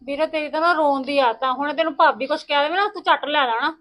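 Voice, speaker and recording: Woman as a haughty, very high-voiced visiting sister. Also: fast talker, a bit bright. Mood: sulky. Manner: haughty, complaining. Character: proud married sister visiting, quick to take offense. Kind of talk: family skit acting.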